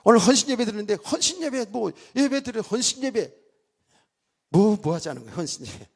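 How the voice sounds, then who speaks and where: A man's voice: sits high, big pitch swings, brisk, vocal fry, husky. A middle-aged man preaching a sermon as pastor in a church, talking casually with the congregation and joking in asides. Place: church sanctuary.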